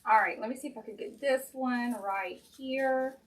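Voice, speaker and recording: A woman's voice: a little high, moderate pace. Chatty Southern woman crafting on a livestream. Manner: chatty, folksy, addressing viewers directly. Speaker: craft maker hosting a live stream. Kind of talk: casual crafting livestream chat, thinking aloud while working. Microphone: sensitive live-stream camera mic.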